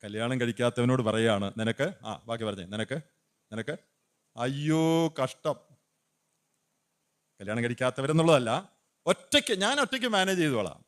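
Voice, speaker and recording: A male evangelist preaching a sermon, who asks his listeners questions and answers them himself, rising loud for emphasis and dropping to low asides. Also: lively intonation, fast.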